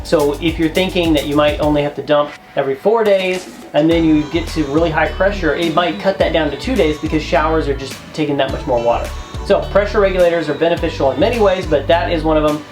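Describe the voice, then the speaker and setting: A man's voice: on the high side, fast, over music. A man co-hosting a travel vlog, giving tips in a chatty, joking, emphatic way. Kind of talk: casual how-to chat.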